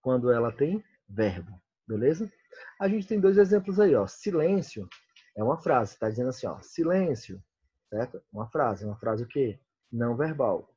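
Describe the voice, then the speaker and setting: A Brazilian Portuguese man teaches a grammar lesson and keeps asking his students if they follow. His voice is dark and a little husky. The recording is dry and dull. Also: medium pitch, expressive, a little fast, dry recording. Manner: checks in constantly, reads comic lines aloud.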